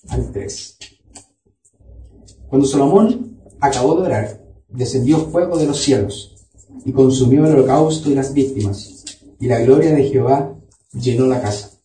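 A man's voice: medium pitch, dark tone. Man preaching in an echoey hall. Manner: teaching Bible study, reads scripture aloud. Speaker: pastor. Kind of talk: sermon. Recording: echoey room, voice from far off.

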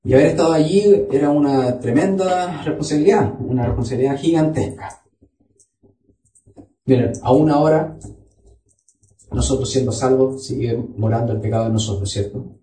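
A man preaches a Bible study, reading scripture aloud to his congregation. His voice is dark and mellow, and it comes from a distance in a roomy, echoing church hall. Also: medium pitch, normal speed, pauses often. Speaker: pastor. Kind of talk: sermon. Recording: echoey room, voice from far off.

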